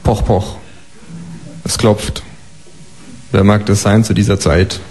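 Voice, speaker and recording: A man reading his own comic stories aloud in a dry, deadpan first-person narration. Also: on the low side, slow pace. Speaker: author reading.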